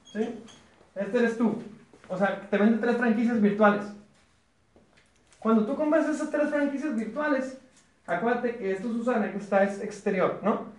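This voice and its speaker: Brief: high-voiced Mexican man presenting a business opportunity in an echoey meeting room, chatty and joking. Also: moderate pace, long pauses. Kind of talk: live sales presentation to a small group. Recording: roomy echo.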